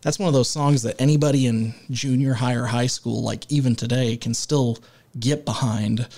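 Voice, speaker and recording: A man co-hosting a casual music podcast, leading the talk in a halting way with many filler sounds and restarts. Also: medium pitch, fairly even intonation, dark tone. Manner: leads the discussion and segues. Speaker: podcast co-host.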